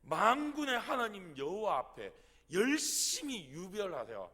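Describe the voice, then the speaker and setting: A man's voice: high-pitched, wildly swooping pitch, a little slow, sharp tone, breathy edge, in a large hall, pitched above the performer's own voice, full character voice. A man voicing the prophet Elijah, worn out and pouring out an emphatic, pleading complaint. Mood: pleading, aggrieved. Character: weary indignant prophet Elijah, adult man.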